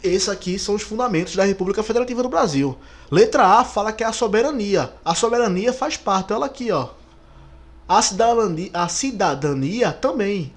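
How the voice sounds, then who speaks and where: A man with a Brazilian Portuguese accent explaining exam questions as a teacher, lively, drawing out key words and checking in with students. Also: high voice, a little fast.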